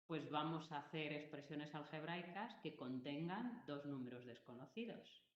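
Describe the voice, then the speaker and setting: A woman's voice: low-pitched, moderate pace. A woman teaching a math class, explaining patiently step by step and checking that students follow. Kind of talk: classroom lesson. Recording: roomy, dull lo-fi recording.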